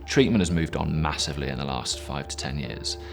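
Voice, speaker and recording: A very deep-voiced man speaks earnestly and reflectively in a documentary interview. He pauses and restarts now and then as he thinks, over a strong music bed. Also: gravelly. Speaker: interviewee, endurance athlete. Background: background music.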